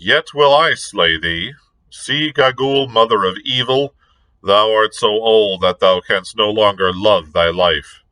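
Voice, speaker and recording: A man's voice: fairly low pitch, pushed and bright, rough recording. A man voicing a stern young king who speaks in grave, formal old-fashioned language. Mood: commanding. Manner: solemn, measured archaic speech.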